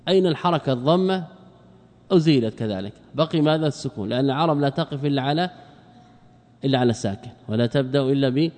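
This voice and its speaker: A male grammar teacher gives a classroom lecture, explaining a text line by line, repeating words and posing questions he answers himself. His mid-range voice is fast and a little mellow, with long reverb and hall echo.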